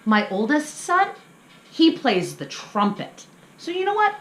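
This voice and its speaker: A middle-aged woman hosting children's story time teaches a craft to young kids, using simple, encouraging explanations. Her high voice has a sing-song lilt, a measured pace, and a slightly bright tone. The room is echoey, with a little background noise.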